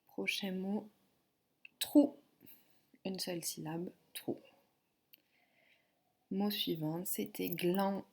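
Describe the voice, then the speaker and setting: A woman teacher giving a phonics and spelling lesson to a child, dictating syllables slowly and clearly. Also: on the low side, fairly even intonation. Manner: slow, clearly articulated dictation.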